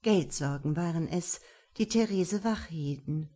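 A woman narrating an audiobook in a measured, even storytelling manner. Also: lowish voice. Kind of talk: scripted narration.

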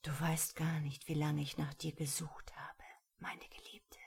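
A woman's voice: deep voice, level tone, measured pace, warm tone, husky, heavily acted. A woman voicing a mysterious, seductive man who murmurs intimately to his lover. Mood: seductive whisper.

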